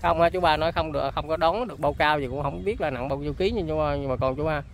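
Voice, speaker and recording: A man's voice: on the high side, quick pace, a little hiss or hum. A man with a Southern Vietnamese accent, chatting casually to his viewers while filming outdoors in the countryside. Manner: chatty, keeps addressing viewers as folks. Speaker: vlogger. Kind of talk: casual on-location vlog chat. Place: rural outdoors near buffalo and water.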